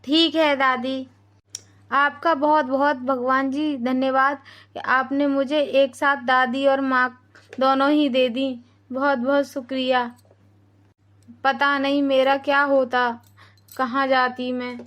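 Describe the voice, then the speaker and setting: Woman voicing a gentle lost young woman. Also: sits high, level tone, slow. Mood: grateful. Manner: soft, earnest, polite. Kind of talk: cartoon voice acting.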